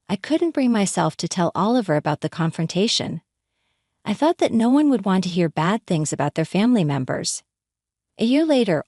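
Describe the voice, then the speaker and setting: A woman narrating a first-person family drama story in an expressive, lively manner. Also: mid-range voice, dry recording, clean studio sound.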